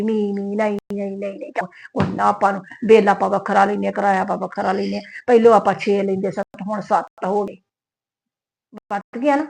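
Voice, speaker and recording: A woman's voice: medium pitch, creaky. A woman playing a domineering middle-aged landlady who scolds her tenants. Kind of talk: skit acting.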